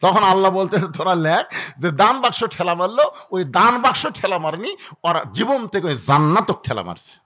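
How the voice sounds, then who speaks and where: A man with a high, very animated voice delivers a fiery waz sermon. He plays out little dialogues himself and keeps calling on the crowd to answer him loudly. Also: moderate pace. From Bangladesh. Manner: dramatic storytelling, acting out dialogues, calling for audience responses. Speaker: preacher.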